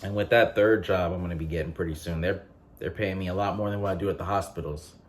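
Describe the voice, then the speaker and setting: Male vlogger, late twenties, very low voice, casual filler-heavy chat, faint background hum. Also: fast talker. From North Carolina. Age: 20s. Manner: relaxed rambling with frequent fillers and restarts.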